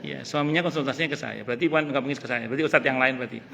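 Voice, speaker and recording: Bright-voiced man lecturing in a mosque. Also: mid-range voice, very fast, creaky. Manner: lively, joking asides, repeats key phrases. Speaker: ustadz teaching a mosque study group. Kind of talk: casual religious lecture. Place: mosque hall. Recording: long hall reverb.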